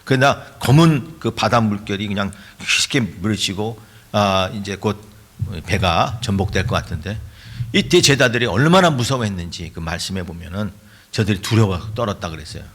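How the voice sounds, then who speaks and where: A man preaching a sermon as pastor, with emphatic rhetorical questions and frequent throat clearing. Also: on the low side, expressive, moderate pace.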